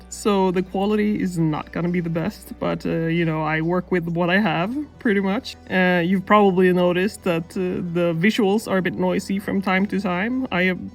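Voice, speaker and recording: An animation student narrates her devlog voice-over in a casual, self-deprecating way, her voice lowish over music. She recorded up close under a blanket indoors using an older camera as a mic, then processed it in editing, and the recording sounds rough.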